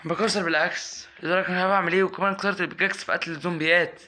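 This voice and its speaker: Young Egyptian man, gaming commentary, quick and slightly high, chatty and exasperated with his pet. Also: slight background noise. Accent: Egyptian Arabic. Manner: chatty, coaxing and scolding his in-game pet, flaring into excited yelps. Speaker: gaming YouTuber. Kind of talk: casual gameplay commentary.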